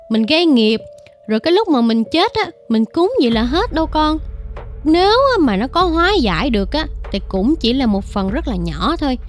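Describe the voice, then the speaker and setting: A woman voicing a calm Buddhist nun who explains karma in a slow, measured way. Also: a little high.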